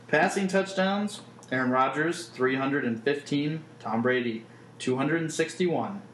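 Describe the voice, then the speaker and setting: A man co-hosting a casual podcast, listing sports numbers in a flat, deadpan way. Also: medium pitch, a little slow. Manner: reads stats in a deadpan list. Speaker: podcast co-host. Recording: echoey room with faint background noise.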